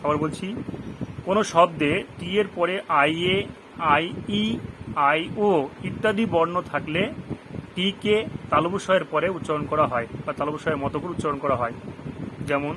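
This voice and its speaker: A man teaching a pronunciation lesson. He repeats each rule slowly and gives example words with their meanings. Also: on the high side. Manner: asks the listeners questions. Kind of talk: classroom lesson in Bengali. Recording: noisy background hum.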